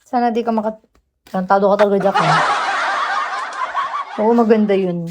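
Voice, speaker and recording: A woman's voice: medium pitch, fairly even intonation, fast talker. A woman, hosting a casual livestream and chatting and teasing her viewers. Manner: chatty, teasing, breaks into soft singing. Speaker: livestream host. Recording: loud background noise.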